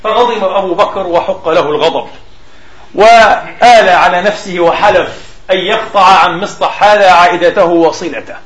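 A man delivering a sermon, stretching out quoted texts slowly and pausing to explain words. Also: high voice, fairly bright tone, reverberant, rough recording. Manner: slow emphatic recitation of quotes, explanatory asides. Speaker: preacher. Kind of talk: Friday sermon.

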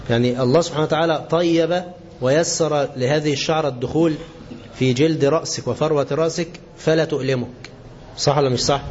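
An Egyptian man teaching a religious lesson in a somewhat high voice, quizzing his class and answering himself. He slows right down to stress each quoted verse. The recording is dull and lo-fi, with a faint hiss behind him. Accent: Egyptian Arabic. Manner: lively, asks the class questions and answers them. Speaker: sheikh giving a religious lesson.

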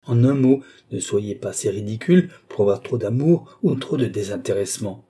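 A man voicing a brusque, impatient old baron who scolds his daughter with sharp, insistent lines. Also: on the low side, animated, normal speed, husky. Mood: scolding, impatient.

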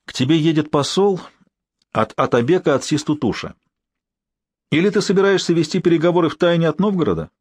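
A male narrator voicing a brisk, cheerfully scolding professor and doctor in an audiobook. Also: a little high, lively intonation, husky, no echo, voice pushed up.

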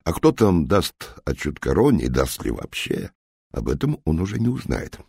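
A man narrating an audiobook in a dramatic, expressive way. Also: rumbling low, moderate pace, gravelly, breathy edge, no room sound, studio quality.

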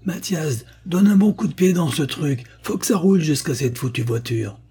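A man's voice: on the high side, animated, slow, darkish tone, slightly rough, voice pushed up, full character voice. A feisty rural farm wife barking brusque orders, played by a male reader. The voice sits well above his natural register, with a blunt, commanding edge. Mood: bossy.

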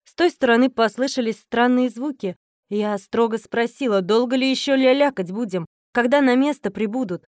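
Expressive female audiobook narrator, slightly high voice, dry studio sound. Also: moderate pace, dry recording. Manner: lively, expressive reading. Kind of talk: first-person audiobook narration.

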